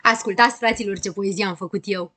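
A woman voicing a boastful, clueless little boy who writes silly poems, cheeky and excited in tone. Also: dry recording. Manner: cheeky, high and excited, raising the pitch.

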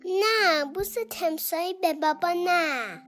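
Tiny pouty bear cub, way high pitched, stubborn storybook kid. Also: female voice, faint music behind. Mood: stubborn refusal. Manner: pouting, refusing flatly. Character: stubborn little bear cub, grumpy at bedtime.

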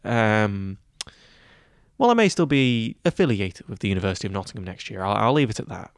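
Rambling young man, smooth low voice. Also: lively intonation, a little fast, no room sound, clean studio sound. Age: young adult. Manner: rambling, many fillers and restarts. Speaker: guest, student head of news. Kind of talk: casual interview chat.

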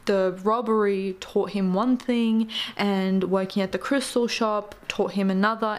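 A woman's voice: medium pitch, a little mellow. A young woman in her twenties hosting a motivational solo podcast, talking in a chatty, earnest way and often calling her listeners "you guys". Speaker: podcast host.

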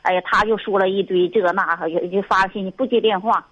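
A woman's voice: medium pitch, fairly even intonation, fast, a bit bright, highs cut off. A middle-aged woman with a Northeastern Mandarin accent calling an advice show, sighing and rambling in exasperation. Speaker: caller. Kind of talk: call-in conversation.

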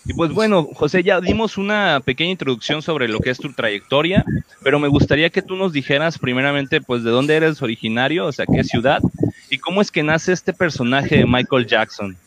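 A man's voice: on the high side, lively intonation, fairly quick, a bit bright, slight background noise, poor audio. A man with a Mexican accent hosting a casual talk show in a courteous, informal way. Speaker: host.

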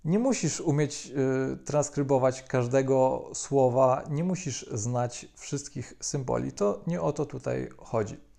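In a calm, explanatory tone, a Polish-born language teacher walks through a methodical video lesson. His mid-range voice is dark and gravelly with a mellow edge, and he often pauses on hesitation fillers between phrases.

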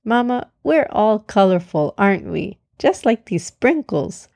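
A woman's voice: medium pitch, very animated, unhurried, creaky, darkish tone, no room sound. A woman voicing an eager, bossy, chatty little girl in a children's storybook. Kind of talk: storybook reading.

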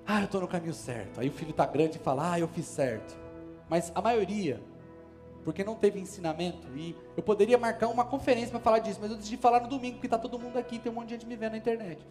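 A man's voice: high-pitched, rapid-fire, a little mellow, soft background music. A man with a Brazilian Portuguese accent preaching a sermon as a pastor, emphatic and building in force. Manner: emphatic, preaching with rising force and sudden calls. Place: church service.

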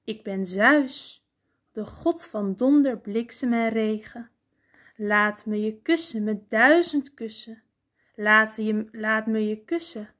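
A woman voicing a male sky god who coaxes slowly and softly in a storybook reading. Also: on the high side. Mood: coaxing. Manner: slow, hushed and coaxing.

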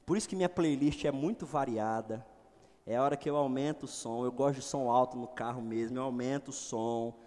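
A middle-aged pastor preaching a sermon, swinging between loud exclamations and quiet asides. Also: male voice, mid-range voice, a little fast. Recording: long hall reverb.

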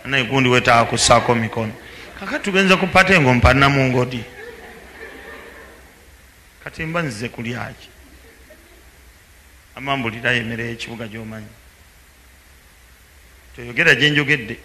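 A man preaching to a congregation, lively and teasing, pausing for his interpreter. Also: medium pitch. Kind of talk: sermon with live interpreter. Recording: echoey hall with faint background noise.

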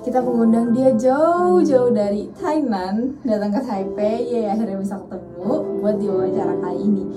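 Woman hosting a chill podcast, chatty, lots of excited reactions, sounds far from the mic, loud music behind. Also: medium pitch, normal speed. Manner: chatty, enthusiastic interjections. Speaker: podcast host. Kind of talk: casual podcast interview.

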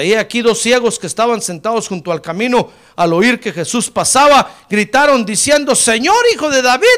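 A man preaching a sermon as pastor, surging and dropping in loudness, often calling his listeners brother. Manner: preaching with sudden surges and drops in pitch and volume; repeatedly addresses listeners as brother.

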